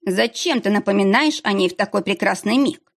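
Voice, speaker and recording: A woman voicing a whiny, pleading middle-aged ex-husband with a drawn-out, whining delivery. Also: medium pitch, lively intonation, vocal fry.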